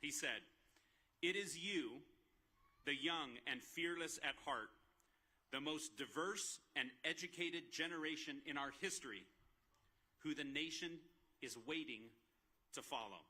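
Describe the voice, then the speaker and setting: A man's voice: on the high side, a little slow, pauses often. A man, a university president, giving a commencement speech, earnest as he lists his thanks. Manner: earnest, listing thanks at a steady clip. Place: outdoor graduation ceremony over a PA.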